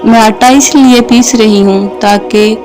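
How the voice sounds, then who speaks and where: A woman voicing a gentle, patient young mother near death, speaking tenderly and tearfully. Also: on the high side, fairly even intonation, music in the background, natural voice.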